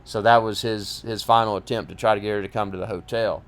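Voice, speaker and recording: Smooth-voiced man telling his story. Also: fairly low pitch, steady tone. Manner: halting, many restarts and fillers. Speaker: podcast host recounting personal story. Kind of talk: casual first-person storytelling.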